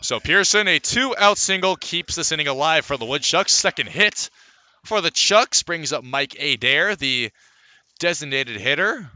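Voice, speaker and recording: Unhurried yet expressive, this man's voice sits on the high side, bright and forceful, recorded with no room sound. He's a radio play-by-play announcer calling baseball live, fluently reciting stats and heightening his delivery on each play.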